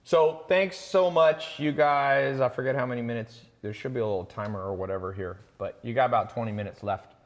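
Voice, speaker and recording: A man's voice: medium pitch, a little fast, hardly any pauses, big-room sound. A man hosting a live online sales talk, chatting casually, boasting and reading out viewers' names. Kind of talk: casual live-stream pitch.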